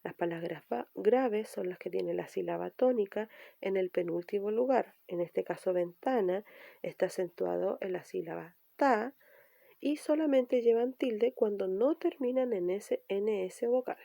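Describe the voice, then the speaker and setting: Teacher lady, gravelly voice, dark tone, dry close sound, slow careful explaining. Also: mid-range voice, no room sound. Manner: patient, explanatory, repeats and restates points. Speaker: primary school teacher. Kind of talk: recorded remote language lesson.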